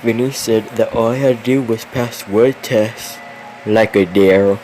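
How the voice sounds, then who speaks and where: A tired young man reads a spooky story aloud in a middle-pitched voice. He breaks off for chatty asides and the odd curse. A faint hum sits behind him. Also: level tone, normal speed, darkish tone, low-quality recording. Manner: tired and yawning, chatty asides, swearing now and then. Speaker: story reader.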